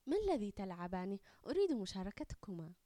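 A kind, curious schoolgirl in a storybook, gentle and warm in manner with a lively lilt, voiced by a woman. The recording is dry and close. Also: medium pitch, fast talker, no echo, close to an everyday voice. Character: kind, friendly older schoolgirl.

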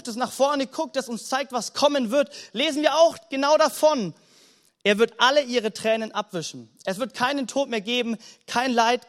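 Very high-voiced man preaching. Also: a bit bright. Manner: direct, emphatic, keeps addressing the congregation with "hey". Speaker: pastor. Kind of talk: sermon. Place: church service before a congregation.

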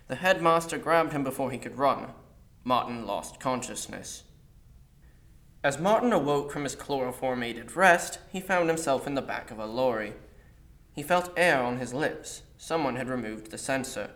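A man reading a fantasy story aloud in a measured storytelling manner. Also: medium pitch, fairly bright tone. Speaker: story reader. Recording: echoey room.

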